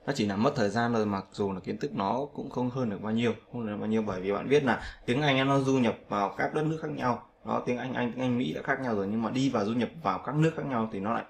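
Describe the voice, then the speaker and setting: A man's voice: medium pitch, quick pace, creaky, few pauses, slight background noise. A man teaching English pronunciation in Vietnamese, repeating sounds and often checking with "right?". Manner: repetitive, drills sounds, asks "right?" often. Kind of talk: casual spoken lesson.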